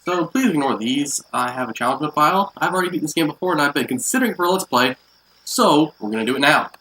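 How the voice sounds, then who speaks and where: A man's voice: on the high side, lively intonation, rapid-fire, pushed and bright, low-quality recording. A young man hosting a let's play, giving upbeat, chatty, jokey gameplay commentary.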